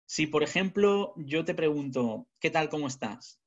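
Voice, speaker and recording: Man, webinar trainer, rhetorical questions, husky voice, dull video-call sound. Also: a little high, lively intonation, measured pace. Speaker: communication trainer. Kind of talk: webinar talk. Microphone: webcam video call.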